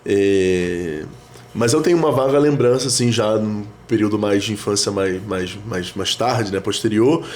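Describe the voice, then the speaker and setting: Man in his thirties, a priest, low voice, thoughtful chat with lots of restarts, slight hiss underneath. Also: normal speed, a little mellow. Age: 30s. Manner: reflective, many fillers and restarts. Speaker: priest, guest. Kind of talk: casual conversation.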